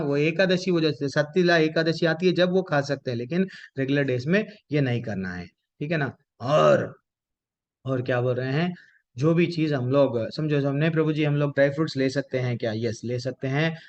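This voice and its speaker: A man's voice: medium pitch, normal speed, dull audio. A man leading an online devotional class. He keeps asking rhetorical questions and answers them himself, and he addresses his listeners with devotional honorifics.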